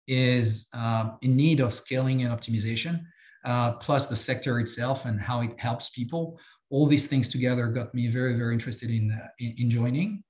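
A man from France in his fifties, a chief executive guest on a podcast, speaks with a French accent in a mid-range, steady voice that is a little mellow. The room echoes, and he keeps pausing, repeating words and using fillers.

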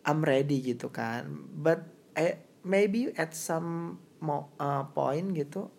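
A young woman speaks in a relaxed, reflective chat, switching often between two languages. Her voice sits low and has a gravelly fry. She talks things through slowly and thoughtfully. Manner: reflective, mixes English into Indonesian. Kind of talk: casual chat.

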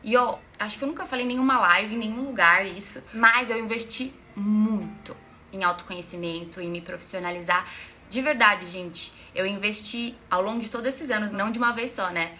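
A woman coach with a Brazilian Portuguese accent, telling a personal story to followers in a live online talk, animated and addressing them directly. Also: mid-range voice, a little fast, a little hiss or hum.

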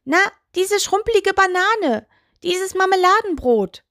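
A cheeky little talking toe from a children's storybook, voiced by a woman. He sneers and teases in a high, bouncy voice that swoops up and down, and nothing anyone says impresses him. It sounds close and dry. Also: very animated, measured pace, no echo, exaggerated voice. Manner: insulting, smug, bratty.

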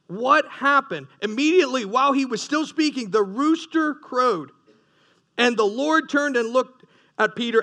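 A man preaching a sermon in a high, gravelly voice. He speaks with a bright, cutting edge and keeps firing rhetorical questions at his listeners. He often restarts and repeats his phrases. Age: adult, past his teens. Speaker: pastor.

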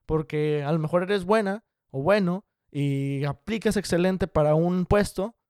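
A young man giving casual career advice straight to the viewer, direct, brisk and encouraging. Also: high-pitched, darkish tone, clean tone, dry recording, studio quality. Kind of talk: casual explanatory talk to viewers.

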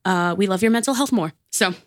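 A woman's voice: mid-range voice, brisk, no echo, studio quality. An American woman co-hosting a true-crime podcast, telling the story in a casual, chatty way with many fillers. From United States. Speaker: podcast co-host.

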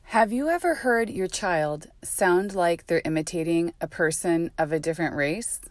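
A woman's voice: lowish voice, normal speed. A mother telling first-person parenting stories in a reflective, earnest and candid way.

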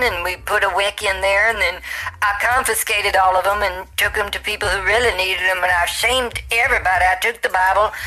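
A woman's voice: fairly low pitch, sharp tone, rough recording. A woman playing a sanctimonious, grasping church-lady evangelist in improvised comedy, preachy and folksy. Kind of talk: improvised comedy character monologue.

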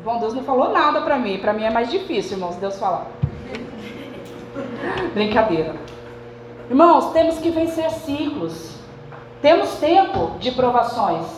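A woman's voice: high-pitched, very animated, a little slow, pauses often, noisy background. A woman pastor, preaching a sermon in a chatty way and often turning to the congregation. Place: church hall. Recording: echoey church hall, faint ambience.

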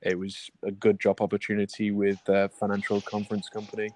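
Low, flat-voiced Liverpool man. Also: a little fast, no room sound. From England. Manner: relaxed, hesitant with basically and kind of. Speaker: guest. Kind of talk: casual interview.

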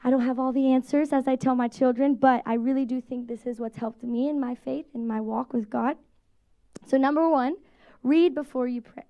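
A woman in her thirties, a pastor, giving a conversational, animated sermon to a congregation. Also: sits high, moderate pace, dull audio. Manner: conversational, animated preaching with quoted voices.

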